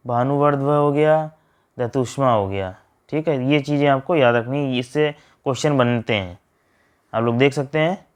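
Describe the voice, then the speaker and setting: A man teaching a grammar lesson, reading out word pairs and splitting each one in a steady drill. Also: medium pitch, clean tone.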